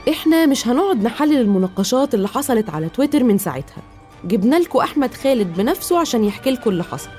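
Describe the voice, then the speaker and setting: Brisk Egyptian woman hosting a podcast. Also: on the high side, very animated, warm tone, soft background music. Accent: Egyptian Arabic. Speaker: podcast host. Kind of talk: scripted podcast introduction and interview.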